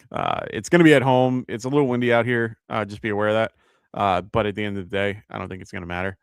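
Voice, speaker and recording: A man's voice: on the low side, fast talker, gravelly, clear, resonant tone, no echo, clean studio sound. A man with a New York accent hosting a live fantasy football show, talking casually and thinking aloud with lots of fillers as he answers viewer questions.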